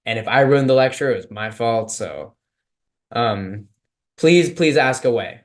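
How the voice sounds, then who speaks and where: A man's voice: medium pitch, expressive, a little slow. Casual young man from Texas coaching. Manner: casual, filler-heavy coaching talk. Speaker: speech and debate coach. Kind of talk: online lecture with Q and A.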